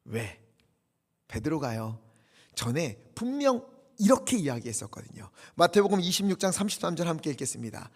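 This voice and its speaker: A male pastor preaching a dramatic sermon, swinging between loud urgent appeals and hushed near-whispers. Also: a little high, sing-song, normal speed. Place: church sanctuary. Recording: long church hall reverb.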